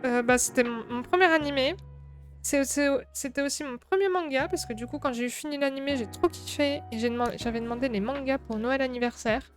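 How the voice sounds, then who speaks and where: A woman's voice: sits high, fairly quick, soft background music. A woman in her twenties, a streamer, chatting casually and laughing often as she answers chat while painting at her craft table. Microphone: streaming microphone.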